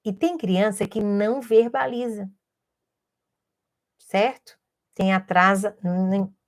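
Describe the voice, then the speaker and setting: A woman educator, patiently explaining a teaching method to camera and modelling speech sounds aloud. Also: on the high side.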